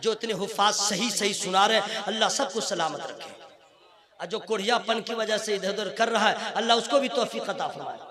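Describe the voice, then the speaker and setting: A man with a strikingly high-pitched voice delivers a religious speech at a conference, his fervent, rhythmic preaching giving way to relaxed, joking asides. The live crowd can be heard behind him throughout. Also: moderate pace. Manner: alternates impassioned rhythmic oratory with chatty, joking asides to the crowd. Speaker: Islamic preacher. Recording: live event with audible crowd. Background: audience murmur and laughter.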